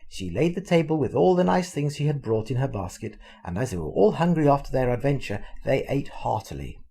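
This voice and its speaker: An older man, a grandfather, reads a fairy tale aloud with animated, expressive storytelling. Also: mid-range voice, fairly quick, gravelly, husky. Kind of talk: storybook reading.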